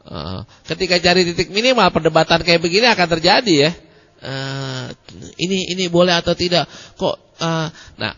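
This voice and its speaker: A religious teacher with a slightly high, fairly bright voice gives a colloquial study lecture, rambling with many hesitations. The recording is muffled and sounds like a reverberant hall.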